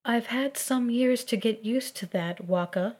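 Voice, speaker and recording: A woman voicing a stern, proud young woman who is weak and speaks in quiet, clipped, peevish words. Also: medium pitch, takes it slowly.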